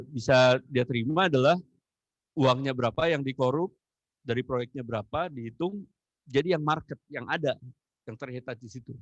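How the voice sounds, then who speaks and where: A man's voice: mid-range voice, no echo, low-quality recording. A man answering audience questions as an agency official, rambling with frequent fillers and tag phrases. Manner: rambling, many "eh" and "gitu kan ya" tags. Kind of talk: Q&A answers in a webinar.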